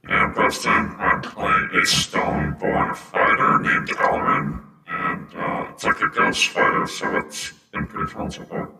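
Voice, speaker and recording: A man playing a tabletop game, talking in a terse, deadpan way. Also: rumbling low, unhurried, few pauses, a little hiss or hum. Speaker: player. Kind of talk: casual tabletop role-play. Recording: roomy echo.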